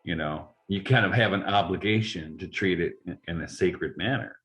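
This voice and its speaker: A man's voice: deep voice, normal speed, fairly bright tone. A man in conversational discussion, reading aloud and sharing thoughts like a teacher. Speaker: course teacher. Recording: music behind the voice. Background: music.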